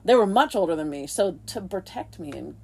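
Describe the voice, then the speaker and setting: A woman co-hosting a podcast, telling a candid personal story in a soft, halting, reflective way with frequent restarts. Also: on the low side, expressive, vocal fry, husky. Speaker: podcast co-host.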